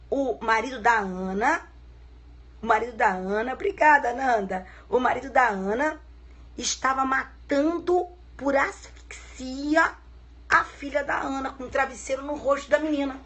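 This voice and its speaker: A woman's voice: fairly high pitch, fairly bright tone, husky. A middle-aged woman law professor giving a live-streamed lecture, chatty and affectionate, telling a case as a story.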